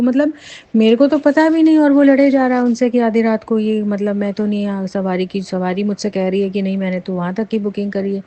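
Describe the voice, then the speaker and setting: Middle-aged woman, mellow tone, earnest testimonial storytelling. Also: mid-range voice, muffled recording. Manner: earnest storytelling, animated when recalling fear. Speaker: devotee sharing testimony. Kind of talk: personal testimony in a satsang.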